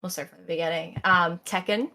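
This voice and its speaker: A young woman chatting as a guest on a podcast. Her voice is bright and forward, and she talks casually and laughs often. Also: lowish voice, steady tone, a little fast. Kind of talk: casual chat.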